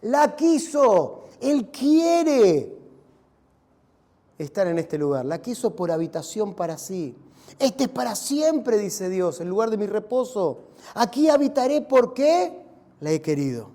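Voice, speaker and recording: A man with a Rioplatense Spanish accent, preaching a sermon in a church, swinging between loud shouts and hushed, quiet lines. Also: high voice, animated, normal speed. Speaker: pastor.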